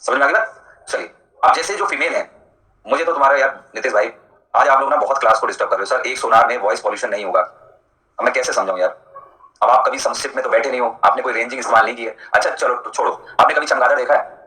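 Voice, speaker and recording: A male teacher runs a live online lecture at a brisk clip. His voice is bright and forceful, and he keeps it chatty and jokey, breaking off to answer students by name. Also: mid-range voice, echoey room, rough recording.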